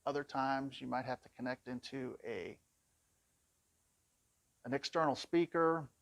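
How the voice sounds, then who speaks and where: A man with a somewhat low voice and some vocal fry walks through a product demonstration at a slightly slow pace. He keeps it informal and conversational, explaining each step plainly. The recording is dry with no room sound.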